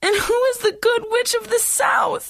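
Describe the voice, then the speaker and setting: A woman's voice: very high voice, steady tone, moderate pace, vocal fry, fairly bright tone, voice pushed up, heavily acted. A woman reading a storybook aloud, voicing a sweet, polite young girl. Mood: earnest.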